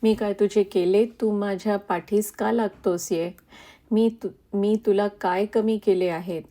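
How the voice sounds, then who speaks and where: A woman voicing a revered elderly male saint in a spoken devotional reading, giving slow, soothing reassurance. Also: medium pitch, steady tone, warm tone, lightly acted. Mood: consoling.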